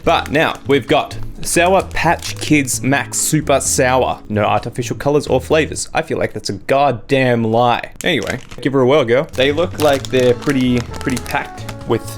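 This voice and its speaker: Over background music, a young adult man hosts a taste test, chatting casually and drily while eating sour candy. His voice is mid-range and unhurried.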